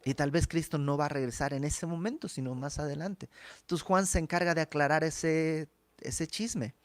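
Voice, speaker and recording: A man's voice: fairly high pitch, steady tone, moderate pace, no echo. A man teaching a verse-by-verse Bible study in a conversational way, acting out the dialogue of the text.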